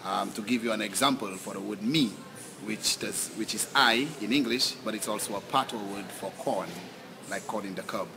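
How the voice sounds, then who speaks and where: A man's voice: fairly low pitch, normal speed, gravelly. A man with a Saint Lucian accent informally explaining his language, a little hesitantly and by example. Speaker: local man explaining Creole. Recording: noisy outdoor location recording.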